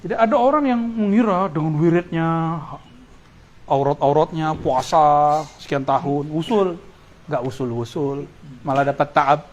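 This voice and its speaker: A man preaching a study sermon in a relaxed, joking way, quoting Arabic verses and chuckling between points. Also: on the high side, a little slow, highs cut off. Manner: casual, joking asides, chuckles; quotes Arabic verses with religious terms.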